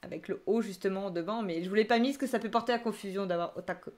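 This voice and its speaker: A woman's voice: mid-range voice, fast. A young woman teaching Japanese vocabulary on a live stream, reading out and reacting to chat answers with frequent laughter. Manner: lively, laughs often, reads chat answers aloud.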